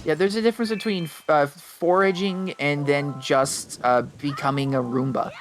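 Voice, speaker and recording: A man streaming a video game and chatting casually, rambling and joking and quick to laugh. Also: on the high side, fairly even intonation, faint music behind.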